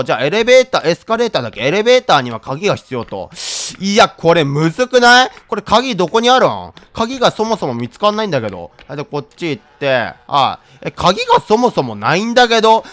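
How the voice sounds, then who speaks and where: A man giving excited commentary on a horror game, easily scared into loud cries and repeating short phrases over and over. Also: on the high side, fast talker, few pauses. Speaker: gaming video host.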